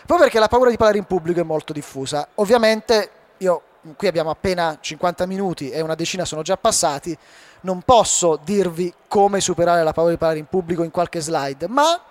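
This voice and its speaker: A man giving a live talk on public speaking to an audience, animated and asking them rhetorical questions. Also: high-pitched, dry recording. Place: hall before a live audience.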